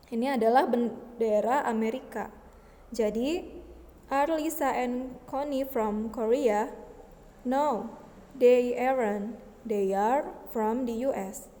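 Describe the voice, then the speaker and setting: A woman with an Indonesian accent teaching an English lesson, explaining slowly and patiently and switching between languages. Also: on the high side, mellow, big-room sound. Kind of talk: bilingual classroom lesson.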